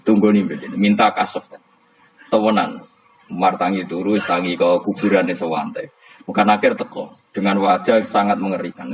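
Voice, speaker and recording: A Javanese-accented man, an Islamic cleric giving a religious lesson, telling stories in a relaxed, joking way and quizzing listeners with questions. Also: low-pitched, slight background noise, poor audio. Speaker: Islamic cleric teaching a book.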